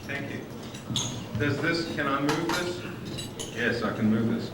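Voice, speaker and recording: A South African man gives a conference presentation in an expressive, high-leaning voice, speaking a little slowly and stressing key words emphatically. He was recorded from far off in an echoey hall full of dining noise, captured on old videotape, and the audio is very noisy.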